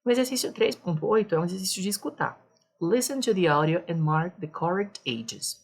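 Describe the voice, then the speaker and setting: Woman teacher going slow and patient, low husky voice, says everything twice. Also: expressive. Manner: patient, explains each point twice. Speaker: English teacher. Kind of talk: explaining a beginner lesson.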